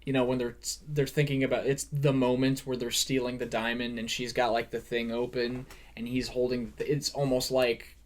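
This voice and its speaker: A man's voice: mid-range voice, level tone, moderate pace. A man co-hosting a casual movie podcast, rambling with lots of fillers and swearing. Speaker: podcast co-host. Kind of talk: casual movie review chat.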